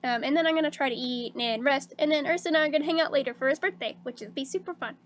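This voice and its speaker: Her voice high and slightly hoarse, a cheerful woman streamer talks casually into a desk mic as she goes through viewer messages. Frequent laughter and plenty of "um" and "like" fill her bubbly chatter, over a faint hiss of background noise.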